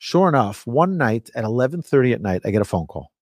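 A man teaching religion like a rabbi, telling stories emphatically with rhetorical questions and deliberate repetition. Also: mid-range voice, big pitch swings, darkish tone, no echo, studio quality. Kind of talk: lively religious lecture with storytelling.

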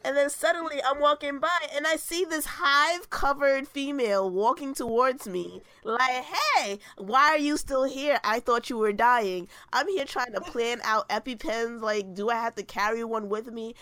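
Animated woman telling con stories. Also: high voice, normal speed, hardly any pauses, no echo. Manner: animated storyteller, acts out quotes. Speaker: podcast co-host. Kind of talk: casual chat.

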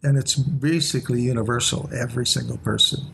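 A man's voice: mid-range voice, steady tone, brisk, creaky, fairly bright tone, a little hiss or hum. An older man, a retiring church leader, talking in a reflective, hesitant way in conversation.

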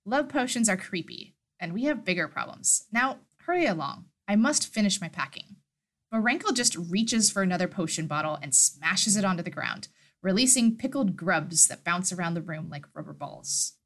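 A woman's voice: lowish voice, lively intonation, moderate pace. Amused chatty woman co-host. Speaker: podcast co-host. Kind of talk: casual chat and story recap.

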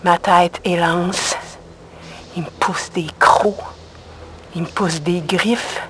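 A woman's voice: fairly low pitch, steady tone, slow pace, fairly bright tone, a little hiss or hum. An actress with a Québécois French accent voicing a hunted woman who narrates her escape in short, clipped first-person lines. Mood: tense, cold. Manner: terse, tense, clipped fragments. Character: hunted young woman, tense then coldly calm. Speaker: narrator-protagonist of an audio drama. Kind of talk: intimate first-person radio drama narration. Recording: clear music under the voice. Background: music score.

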